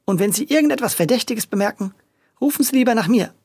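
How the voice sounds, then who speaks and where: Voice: mid-range voice, expressive, fast, darkish tone, slightly rough, no room sound, voice pushed up. A storyteller voicing an experienced, dutiful policewoman who speaks firmly and matter-of-factly in a children's audio story. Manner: firm and matter-of-fact.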